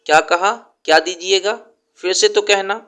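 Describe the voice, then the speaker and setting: A man's voice: high-pitched, bright, forceful tone. A man voicing a strict aunt who keeps correcting her niece's pronunciation, stretching out sounds to stress them. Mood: scolding. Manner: stern, corrective, drawn-out emphasis on sounds.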